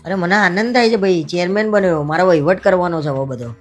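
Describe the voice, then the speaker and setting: A woman playing a low-voiced exasperated husband. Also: quick pace, faint music behind, natural voice. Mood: proud, defensive. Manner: pleading, exasperated bickering. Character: exasperated husband, newly made society chairman. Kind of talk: comedy skit dialogue.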